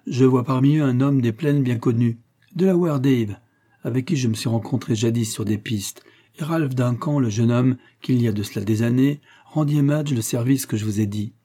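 Un lecteur jouant un rancher plein d'admiration, poli et volubile, au timbre sombre et voilé. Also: male voice, medium pitch, moderate pace, warm tone, lightly acted. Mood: earnest. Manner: polite, effusive. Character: polite rancher, admiring, eager.

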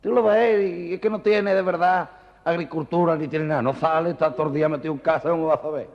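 A man's voice: fairly high pitch, fairly even intonation, fast talker, voice pushed up, natural voice. A man doing a smug, know-it-all braggart. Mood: mocking. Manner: raised, mocking and sure of himself. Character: boastful, know-it-all man mocking his friend. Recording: muffled reverberant old cassette.

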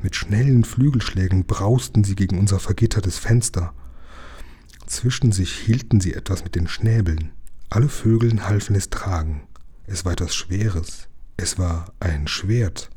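A man reading a children's novel aloud as a first-person narrator, calm and measured. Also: low-pitched, husky. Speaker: reader.

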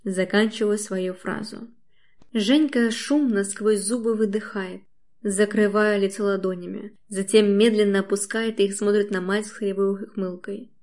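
A woman's voice: medium pitch, steady tone, a little slow, darkish tone. A woman reading a novel aloud in the first person, with intimate, emotional storytelling. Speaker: audiobook narrator. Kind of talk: first-person audiobook narration.

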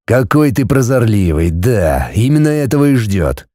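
A male reader voices a domineering dragon lord from a storybook, delivering curt, commanding lines in a dark, mellow tone with big, free pitch swings at a moderate pace. The sound is dry and close, with no room sound.

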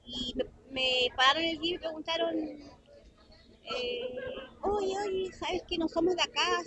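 A woman in her forties with a Chilean accent, earnestly recounting events in an interview, with halting restarts. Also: sits high, lo-fi sound. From southern Chile. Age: 40s. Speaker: interviewee giving testimony. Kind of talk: recorded radio interview.

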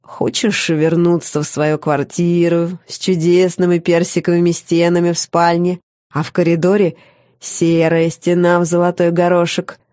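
A woman reading the part of a smug male demon who teases his lover in a slow, sweet drawl. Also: on the low side, a little mellow, dry recording, clean studio sound, natural voice. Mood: sweet-talking.

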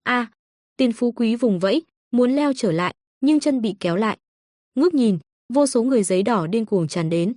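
A woman reading a story aloud as narrator, voicing all the characters in a mostly even narrating voice. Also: a little high, normal speed, no echo, studio quality. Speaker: audiobook narrator.

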